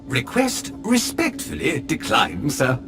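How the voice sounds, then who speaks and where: A fawning polite butler robot. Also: male voice, mid-range voice, wildly swooping pitch, takes it slowly, creaky, full character voice. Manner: obsequious, formal, addresses master as sir. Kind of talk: video game voice acting. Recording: game music playing underneath.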